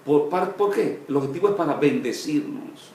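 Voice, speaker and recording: A man, a pastor, teaching a Bible study sermon in short phrases, with pauses and "eh" fillers, each phrase trailing off low and soft. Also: expressive, echoey room, a little hiss or hum.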